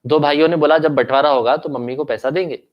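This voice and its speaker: A man's voice: a little high, steady tone, fast talker, highs cut off. A young Indian man teaching law in an online lecture, with a sore throat and an occasional cough, switching between Hindi and English and checking in with students with tag questions.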